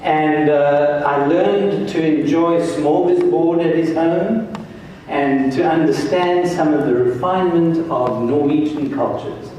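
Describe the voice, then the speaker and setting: An older man from South Africa addressing a congress as a church health director, speaking slowly and earnestly. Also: fairly high pitch, warm tone, slight background noise. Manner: slow, earnest, emphatic. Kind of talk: conference address and prayer. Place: large hall, on stage. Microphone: far camera, room mic. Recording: very echoey hall from far off.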